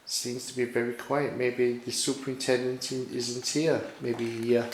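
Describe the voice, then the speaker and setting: A man's voice: mid-range voice, flat delivery, measured pace. A man leading a ghost hunt, talking casually and hesitantly with many fillers as he calls out to spirits in an old theatre room. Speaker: ghost hunting group leader. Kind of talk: casual chat while calling out to spirits. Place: large old room in a disused theatre, indoors. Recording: echoey room, faint noise.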